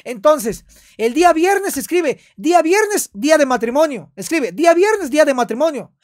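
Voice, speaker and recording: A man's voice: very high-pitched, big pitch swings, moderate pace, dry recording, studio quality. A man, a pastor, commenting on a video in a sermon style, emphatic and repeating his phrases.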